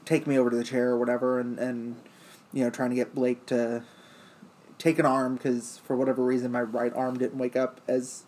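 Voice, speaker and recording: A man's voice: mid-range voice, level tone, normal speed, darkish tone, poor audio. Chatty joking man, faint noise behind. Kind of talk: casual chat.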